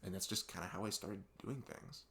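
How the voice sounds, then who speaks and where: A young man plays an earnest best friend opening up late at night in an intimate ASMR roleplay, a deep talk that sounds unscripted. He rambles, halts and reflects, saying "like" and "you know" a lot, in an earnest, musing mood. His voice has vocal fry and a bright, forceful tone, and the performance is heavily acted.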